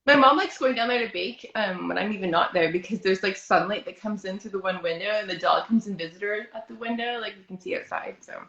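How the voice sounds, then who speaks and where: A woman in her thirties hosting a casual chat over a video call, chatty and quick to laugh. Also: medium pitch, vocal fry, a bit bright, reverberant, lo-fi sound. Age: 30s. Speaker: host.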